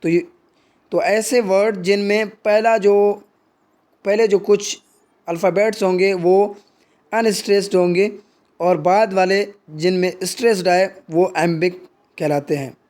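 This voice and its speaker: Slow, high-voiced male teacher explaining. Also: fairly even intonation, a little mellow. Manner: reads English definitions very slowly, then explains them in Hindi. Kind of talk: Hindi lecture on English poetry.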